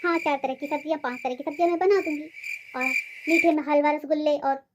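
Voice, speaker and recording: A woman's voice: sits high, fairly even intonation, fairly quick, background noise, natural voice. A woman playing a sly, sweet-talking young daughter-in-law who placates her mother-in-law in a comedy skit. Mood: placating. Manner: sugary, placating. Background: background music.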